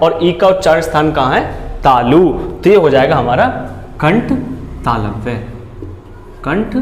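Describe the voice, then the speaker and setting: High-voiced man teaching in an echoey room. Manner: repetitive, quizzing with rhetorical questions. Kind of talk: whiteboard grammar lesson. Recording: echoey room with faint background noise.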